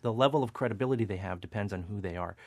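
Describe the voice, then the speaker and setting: Low-voiced man coaching on persuasion. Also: rapid-fire, a little mellow, dry recording. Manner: explanatory, coaching tone. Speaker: speech coach guest. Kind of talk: expert radio commentary.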